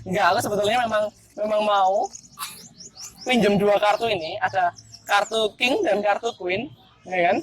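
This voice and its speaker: Young man, street magician, teasing chatty patter, outdoors in a park. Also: sits high. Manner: playful, teasing, chatty with strangers. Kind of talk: casual street performance patter.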